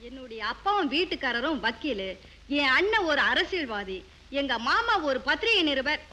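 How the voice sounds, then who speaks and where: A woman's voice: high-pitched, big pitch swings, moderate pace, pushed and bright, exaggerated voice. An actress playing a chatty office woman who eagerly tells every local scandal, in a 1970s film drama. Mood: knowing. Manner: eager, gossipy storytelling. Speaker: office gossip.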